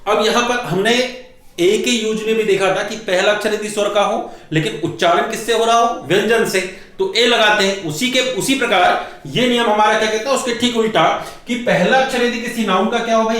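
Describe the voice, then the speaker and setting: Echoey high-voiced male grammar teacher. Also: a bit bright. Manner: keeps asking rhetorical questions and answering them himself; repeats key words slowly for emphasis. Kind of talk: classroom-style lecture. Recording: very echoey room, voice far from mic.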